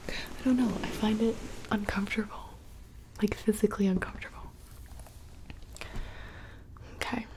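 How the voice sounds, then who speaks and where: A woman's voice: mid-range voice, fairly even intonation, normal speed, long pauses, darkish tone, low-quality recording. A young woman whispering casually and close to the microphone, rambling through questions in an ASMR video. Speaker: ASMR creator. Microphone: close studio microphone.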